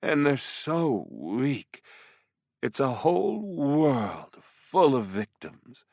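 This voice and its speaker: A man voicing a sadistic, seductive female succubus demon in an audiobook, drawing his words out slowly in a soft, purring way. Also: medium pitch, very animated, vocal fry, no room sound, pitched above the performer's own voice, full character voice. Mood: gloating. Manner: slow, drawn-out purring delivery. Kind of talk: audiobook character voice.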